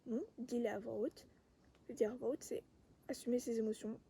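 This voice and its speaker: A woman vlogger giving a calm, reflective monologue outdoors among trees, sometimes dropping to a whisper. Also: a little high, normal speed, vocal fry, a little hiss or hum. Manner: calm, soft-spoken, sometimes drops to a whisper.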